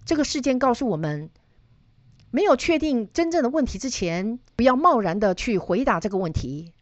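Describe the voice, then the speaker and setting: A middle-aged woman lectures on data analysis, weaving in stories from her own life and turning questions back to her listeners. Her voice sits somewhat high and moves up and down a great deal. The recording is dry and a little dull. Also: very animated, moderate pace, no echo. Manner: storytelling, asks listeners questions.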